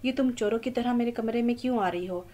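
A woman's voice: on the high side, quick pace, mellow, natural voice. A woman reading a dry, teasing young man. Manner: dry, mildly sarcastic.

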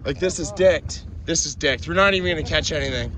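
A man vlogging from a kayak on a rough river, excited and swearing a lot as the waves hit. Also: a little high, rough recording. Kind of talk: casual swearing chat. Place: outdoors on a windy river in a kayak. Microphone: action camera mounted on kayak. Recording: windy outdoor action-camera audio. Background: wind and rushing water.

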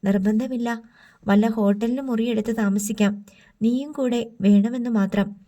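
Teasing, affectionate young man, read by a woman narrator, mellow tone, distant audiobook mic. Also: a little high, fairly even intonation, normal speed, close to an everyday voice. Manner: teasing, casual.

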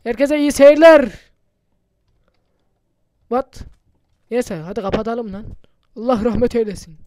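A man's voice: extremely high pitch, measured pace, a little mellow, dry recording, clean studio sound. A man doing casual, chatty gameplay commentary for his channel, muttering to himself and swearing often. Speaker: gaming YouTuber.

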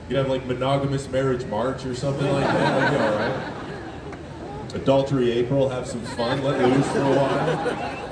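In a very noisy clip, a deep-voiced Albertan in his thirties performs deadpan, self-mocking stand-up and teases his audience. It was recorded at night at an outdoor festival stage in a city park by a phone in the crowd picking up the PA speakers, so the amplified sound is echoey and distant beneath a laughing, cheering crowd.

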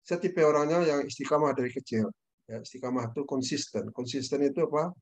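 A man's voice: mid-range voice, brisk. Man, Indonesian accent, middle-aged, online lesson, story-driven explaining. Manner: switches between Indonesian and English, explains with personal stories. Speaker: presenter. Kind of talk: online class talk.

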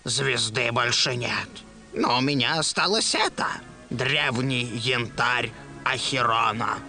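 A man's voice: mid-range voice, slow pace, natural voice. A man voicing a vengeful evil sorcerer in a dubbed fantasy cartoon, making grand, menacing, godlike proclamations. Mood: gloating, triumphant. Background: loud dramatic music.

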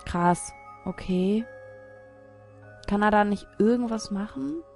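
A woman's voice: medium pitch, slow pace, darkish tone, faint music behind. A woman commenting casually on her gameplay, muttering and puzzling aloud as she thinks. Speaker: let's play host.

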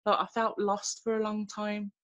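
A woman, sharing her faith story on a video call from home, earnest and halting with many fillers and restarts. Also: mid-range voice, completely flat delivery, no echo, muffled recording. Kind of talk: personal testimony in a video call. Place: small room at home, indoors. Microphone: laptop webcam on a video call.

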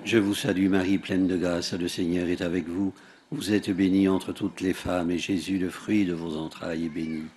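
Deep-voiced man reciting rosary prayers. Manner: steady, measured recitation with falling line ends. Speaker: prayer leader at an outdoor rosary. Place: outdoors at a large rock grotto.

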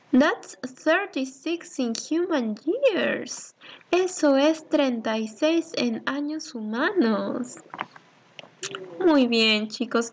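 A woman teaching children in a recorded English lesson, with a slightly high voice and an unhurried pace. She reads each English line and then translates it, and patiently asks questions that she answers herself. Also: slight background noise.

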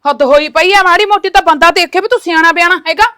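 A sharp-tongued village wife nags and scolds her husband without pause, played by a woman. Her voice is very high and bright, with an edge that cuts through. It is a comic scene from a web series. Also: dry recording, clean studio sound. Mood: furious. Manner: scolding, nagging. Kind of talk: comedy web series acting.

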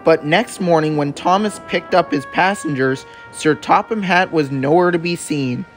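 A man narrating a children's story in a gentle, measured storybook style. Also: fairly high pitch, faint music behind.

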